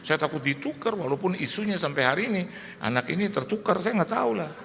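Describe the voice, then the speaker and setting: A middle-aged male pastor preaching a sermon, telling a personal story in a lively, storytelling way and acting out the dialogue. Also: high-pitched, fast, gravelly, noisy background. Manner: storytelling, animated, acts out dialogue. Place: large church hall. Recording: echoey church hall, faint ambience.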